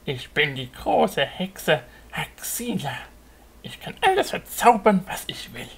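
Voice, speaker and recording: A man voicing a bossy, mocking, cackling witch in a German children's puppet show, theatrical and shrill. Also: big pitch swings, takes it slowly, gravelly, fairly bright tone, husky, heavily acted. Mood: gleeful menace. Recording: noisy home puppet-stage recording.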